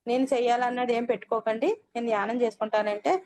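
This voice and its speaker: A woman's voice: fairly high pitch, little pitch movement, quick pace, darkish tone, slight background noise. An older woman earnestly telling her meditation experience as a personal testimony, closing her sentences with polite endings. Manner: earnest storytelling, frequent polite "andi" endings.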